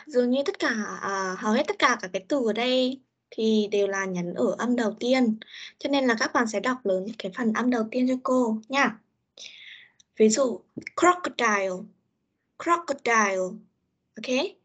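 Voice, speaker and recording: Husky-voiced woman teaching online. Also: a little high. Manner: mixes Vietnamese and simple English, hesitant fillers. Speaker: English teacher. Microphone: computer mic on a video call.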